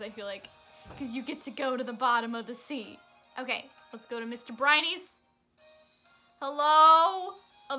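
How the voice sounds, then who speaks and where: A woman's voice: a little high, pushed and bright. A young woman giving casual, chatty commentary while playing a video game, with sarcastic asides. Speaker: let's play streamer.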